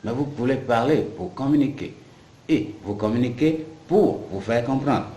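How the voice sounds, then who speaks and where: A man's voice: mid-range voice, lively intonation, moderate pace, mellow, roomy sound. A man from Africa giving a patient English lesson, explaining in French and English and repeating key phrases. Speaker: English teacher. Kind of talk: bilingual language lesson.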